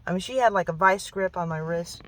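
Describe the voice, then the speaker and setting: Her voice low and slightly fast, a woman vlogger shares a story of being hurt, visibly rattled as she tells it. She keeps repeating herself and stressing points, adding "okay?" and "really" again and again. The rough recording carries a little hiss or hum.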